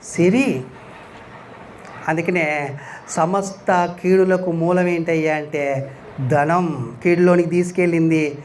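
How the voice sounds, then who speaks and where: Emphatic high-voiced male preacher. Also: steady tone, slow pace, pauses often, darkish tone, slight background noise. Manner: emphatic, rhetorical questions, repeats scripture lines aloud. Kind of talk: sermon.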